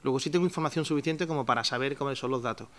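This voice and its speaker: A man's voice: medium pitch, racing, a bit bright. Spanish man, press-conference presenter, explains patiently, restarts often, poses questions and answers them. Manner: explains step by step with many restarts and fillers; asks himself rhetorical questions and answers them. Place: town hall press room.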